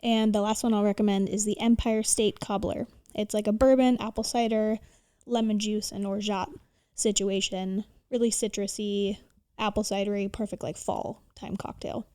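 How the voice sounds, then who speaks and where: A woman's voice: mid-range voice, little pitch movement, moderate pace, warm tone, clean tone, dry recording, studio quality. An American woman co-hosting a podcast, casually sharing recommendations in informal speech peppered with "like". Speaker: podcast co-host.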